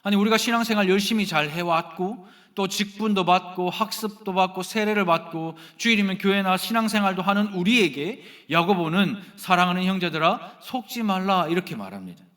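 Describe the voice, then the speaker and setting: A man's voice: high voice, fairly quick, few pauses. A male pastor with a Gyeongsang Korean accent preaches a sermon, speaking directly to the congregation and joking with them. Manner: animated, addresses the congregation directly and jokes with them.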